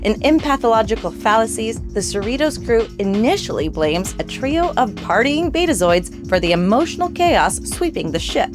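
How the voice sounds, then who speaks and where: A woman's voice: fairly high pitch, big pitch swings, moderate pace, few pauses, music in the background. A woman hosting a video essay, narrating a script in an upbeat, playful way. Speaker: host.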